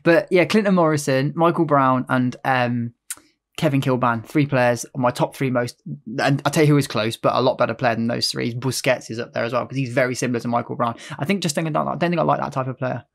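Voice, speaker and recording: A man's voice: mid-range voice, steady tone, fast, gravelly. A young man as a podcast guest, laid-back and joking, with blunt opinions. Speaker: podcast guest, game content creator. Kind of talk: casual podcast interview.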